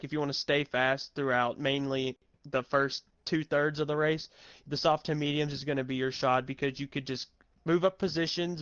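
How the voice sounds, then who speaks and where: A man co-commentates an online sim race, explaining tire strategy step by step. His voice sits a little high. The sound is dry and close, with no room echo. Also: a bit bright, clean tone, highs cut off. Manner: explanatory, talks strategy in detail.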